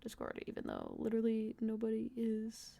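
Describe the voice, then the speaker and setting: High-voiced woman streaming a game. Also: huge pitch swings, normal speed, creaky, warm tone. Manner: frequent swearing. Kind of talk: casual gameplay commentary.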